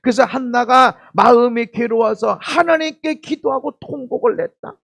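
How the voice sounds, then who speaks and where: A male pastor delivers a church sermon in a high, husky voice with a gravelly edge. His pitch leaps around as he moves between loud exclamations and quiet asides. He keeps turning to the congregation with direct questions. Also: moderate pace. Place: church service.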